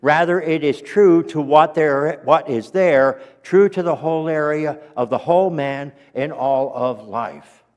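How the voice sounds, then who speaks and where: Sunday school teacher in a reverberant church. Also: male voice, on the high side, a little mellow. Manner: earnest, unhurried, pauses to clear his throat; corrects himself mid-sentence. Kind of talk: church class lesson, reading quotations aloud.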